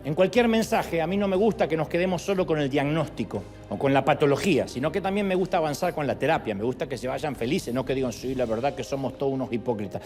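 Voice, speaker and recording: A middle-aged man preaching a sermon in an animated, humorous way, with sudden jumps in pitch. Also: quick pace, few pauses. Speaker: pastor. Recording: reverberant hall with faint music.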